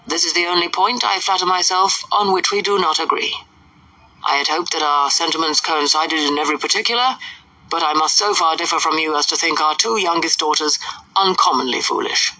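Sardonic older gentleman, read by a woman, dry, measured, breathy, bright tone. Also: deep voice, no room sound, recorded from a distance, exaggerated voice, low-quality recording.

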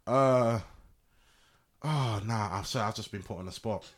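A man's voice: fairly low pitch, a little slow. A man with a London roadman accent in casual podcast banter, slangy and often repeating himself. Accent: London, urban roadman. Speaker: podcast panellist.

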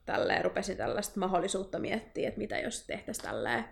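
A young woman chats casually as a podcast co-host, recapping a chapter. She sounds animated and laughs through exaggerated despair. Her voice sits at an ordinary middle pitch. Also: vocal fry.

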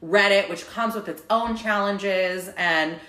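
A woman's voice: mid-range voice, unhurried, fairly bright tone, echoey room. A woman co-hosting a casual chat, talking in a loose, chatty way with lots of "like" and casual swearing. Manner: chatty, heavy use of "like", swears freely.

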